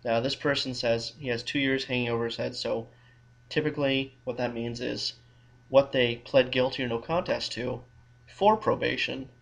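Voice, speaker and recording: A man's voice: medium pitch, steady tone, moderate pace, gravelly, low-quality recording. A man who works as a criminal defense lawyer co-hosting a casual legal advice podcast, explaining things in a wry, thinking-aloud way with frequent restarts.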